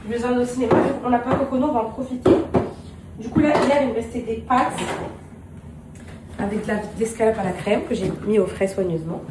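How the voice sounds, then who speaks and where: A woman chats to her viewers like friends, her voice a bit high and set back from the mic. The room is echoey and noisy around her. It's an easygoing home vlog from the kitchen. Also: quick pace, recorded from a distance. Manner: chatty, addresses viewers as girls. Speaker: vlogger and mother. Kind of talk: casual vlog chat.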